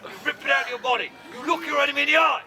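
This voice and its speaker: A man's voice: very high-pitched, steady tone, rapid-fire. A man with a theatrical, joking manner, leading a live outdoor show as an archery demonstrator and calling out to a crowd. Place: outdoors at a castle among a crowd. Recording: distant voice with crowd and outdoor noise.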